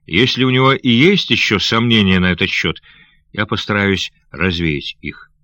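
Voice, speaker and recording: A man voicing a brave, gallant male adventurer who speaks with courteous, steady reassurance. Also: on the low side, moderate pace, no room sound. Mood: earnest.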